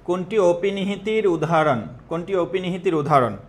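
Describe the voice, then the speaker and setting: Higher-voiced Bangladeshi man teaching online. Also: moderate pace. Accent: Bangladeshi Bengali. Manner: repeats questions, quizzes students. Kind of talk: live online exam-prep lesson.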